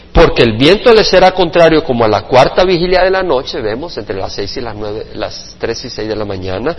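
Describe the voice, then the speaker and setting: A male pastor preaching a Bible study sermon to a congregation, expressive, with playful sound effects and acted quotes. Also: on the high side, slightly rough. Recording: muffled reverberant church recording.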